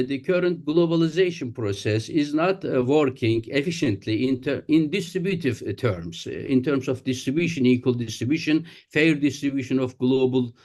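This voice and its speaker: A man asking a panelist a question at an academic symposium, speaking politely and haltingly with many fillers. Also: medium pitch, a little mellow. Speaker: audience questioner.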